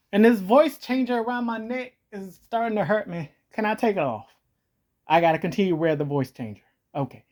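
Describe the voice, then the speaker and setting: A video host rambles through comedic commentary with a voice changer morphing the sound. They joke, backtrack to correct themselves, and let their pitch jump unpredictably.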